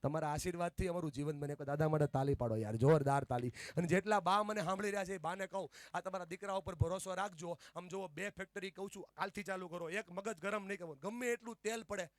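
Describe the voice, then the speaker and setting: A man giving an animated motivational speech to a family gathering, leading the crowd in call-and-response chants. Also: high voice, fast talker, few pauses, no room sound. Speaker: motivational speaker. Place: outdoor party venue.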